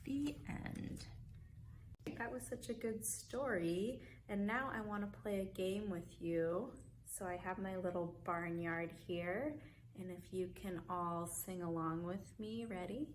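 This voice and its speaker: A woman librarian reading a picture book aloud to young children and leading an animal guessing game, in a gentle, playful storyteller manner. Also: on the low side, steady tone, slight background noise. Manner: slow, gentle, playful storyteller voice, leads sing-along games.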